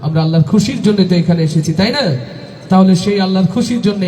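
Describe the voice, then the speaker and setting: A high-pitched man works a live crowd from the stage, calling out and waiting for them to answer back. His voice rings through a big echoey space with a long reverb tail, the sound of a PA at a large evening gathering. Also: fast, warm tone. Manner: call-and-response, rousing the audience. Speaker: Islamic event host and singer. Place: large outdoor evening event.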